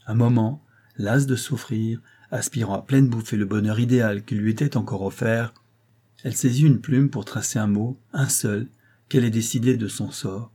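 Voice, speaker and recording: Husky, warm male storyteller. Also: fairly low pitch, fairly even intonation. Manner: measured, dramatic storytelling. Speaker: narrator. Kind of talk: audiobook reading of a classic novella.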